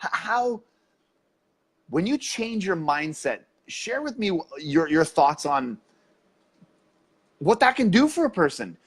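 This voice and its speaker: A man's voice: sits high, very animated, slow pace, long pauses, breathy edge. A male podcast host asking probing, supportive questions. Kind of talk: interview questions.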